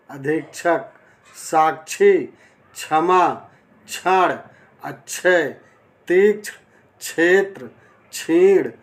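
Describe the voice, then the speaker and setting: A man teaching a spelling lesson, slowly listing example words one by one. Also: a little high. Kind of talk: slow Hindi spelling lesson.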